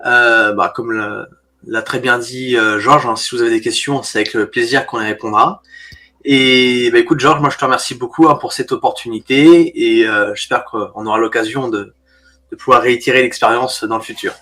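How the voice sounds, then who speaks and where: Bright-voiced man, hesitant co-host. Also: mid-range voice, fairly even intonation, normal speed. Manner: hesitant, full of fillers. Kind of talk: casual live stream talk.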